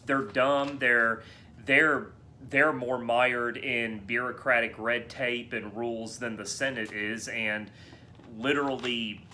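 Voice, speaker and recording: A man co-hosting a relaxed movie podcast, with a bright, forward voice. He talks in long, eager runs and often restarts his phrases. A faint hiss and a low rumble sit under the recording. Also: slow pace. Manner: animated, rambling with many restarts. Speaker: podcast co-host. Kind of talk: casual film discussion chat.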